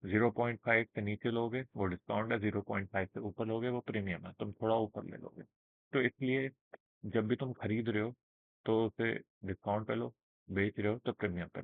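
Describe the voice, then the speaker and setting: Slow-talking man teaching on a tinny line. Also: lowish voice, no echo. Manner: explains with everyday examples, checks in with listeners; speaks slowly and deliberately. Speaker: trading instructor. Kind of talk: casual screen-share lesson. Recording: narrow phone-like band, dry.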